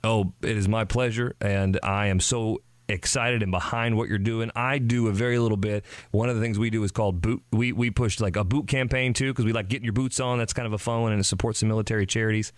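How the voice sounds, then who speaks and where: Eager low-voiced radio show host, man. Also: steady tone, fast talker, hardly any pauses, no room sound. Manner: enthusiastic, effusive.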